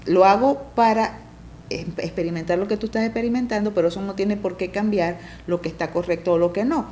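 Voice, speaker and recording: Mellow-voiced woman coaching parents. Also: fairly quick, slight background noise. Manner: explanatory, checks in with "¿ves?" and "¿ok?"; acts out parent-child talk with lively pitch jumps. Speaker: family coach, guest. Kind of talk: conversational interview.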